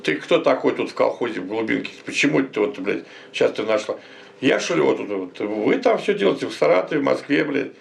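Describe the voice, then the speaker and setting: A man's voice: medium pitch, expressive, brisk, vocal fry. A man chatting casually and bluntly, with slang and swearing. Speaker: village resident being interviewed. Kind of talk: casual chat.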